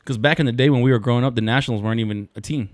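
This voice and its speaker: A man's voice: mid-range voice, no echo. Young man joking in a dry studio. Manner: loose, joking, slangy, does quick impressions. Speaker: podcast co-host. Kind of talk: casual chat.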